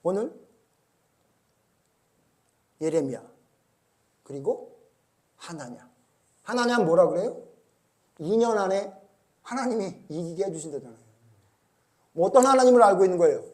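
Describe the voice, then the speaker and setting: A man preaching from the pulpit in a strikingly high voice. He keeps putting questions to the congregation and presses them hard in a scolding tone. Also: animated, a little slow, pauses often. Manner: rhetorical questions to the congregation, rising to forceful rebuke. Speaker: pastor. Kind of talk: sermon.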